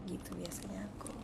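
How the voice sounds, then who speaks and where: A woman's voice: on the low side, fairly bright tone, slight background noise. A young woman, chatting casually on a phone livestream in a confiding way that often drops to a whisper. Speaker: livestream host.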